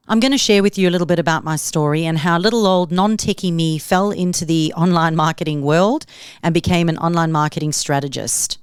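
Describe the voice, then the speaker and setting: A middle-aged woman with a South African accent hosts a solo podcast in an upbeat, motivational tone. Her voice is lowish and smooth, recorded at studio quality with no room sound.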